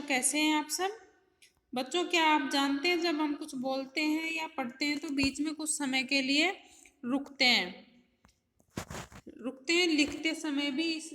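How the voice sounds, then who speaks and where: A woman school teacher giving a patient lesson to children, explaining slowly and asking her pupils questions. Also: high voice, a bit bright. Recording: echoey room.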